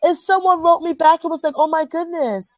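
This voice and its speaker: With a very high, brisk voice, a woman with a Liberian accent hosts a motivational group chat. She speaks earnestly and emphatically, often repeating phrases to drive her point home. The recording is studio quality with no echo.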